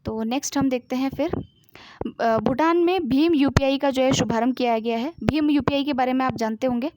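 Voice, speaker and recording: High-voiced woman teaching exam current affairs. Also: a little fast, darkish tone, no echo. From India. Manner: reads news items then explains them in simple asides, with frequent fillers. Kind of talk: explanatory current-affairs lesson.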